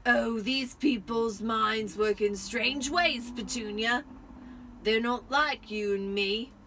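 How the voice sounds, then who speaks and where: Woman putting on loud, blustering Uncle Vernon. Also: on the high side, slight background noise. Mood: smugly confident. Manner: loud, drawn-out, emphatic delivery. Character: blustering, irate middle-aged uncle, falsely cheerful, unhinged.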